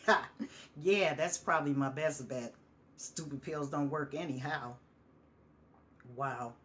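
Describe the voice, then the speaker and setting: A woman's voice: low voice, slow pace, fairly bright tone. A woman voicing a guilt-ridden, paranoid male veteran who drinks, talking in a raised, agitated, rambling way. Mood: bitter.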